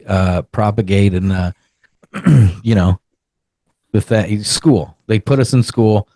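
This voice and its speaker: Rambling, low-voiced man in his forties. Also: darkish tone, no echo. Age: 40s. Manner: rambling, swearing, filler-heavy ranting. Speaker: podcast host. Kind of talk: casual chat.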